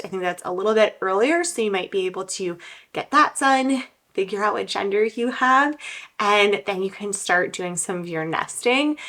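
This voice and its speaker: A woman's voice: medium pitch, fairly bright tone. A young woman chatting casually to her viewers in a vlog, a little out of breath, upbeat and sharing her own experience. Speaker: homesteading vlogger. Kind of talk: casual vlog talk to camera.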